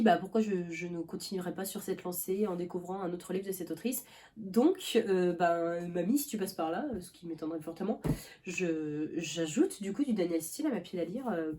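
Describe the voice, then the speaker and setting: A young woman who vlogs about books chats casually and loosely, rambling with plenty of fillers and restarts and coughing now and then. Her voice is medium in pitch and a little mellow.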